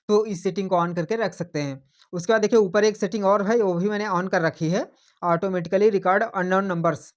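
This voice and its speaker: A man with a voice that sits high hosts a tech tutorial, patiently walking through phone settings step by step. He repeats his points and keeps pointing things out.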